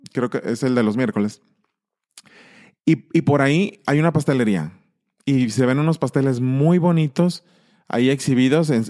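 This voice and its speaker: A man's voice: mid-range voice, darkish tone. A man hosting his channel in a casual monologue, talking emphatically with frequent restarts. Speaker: channel host.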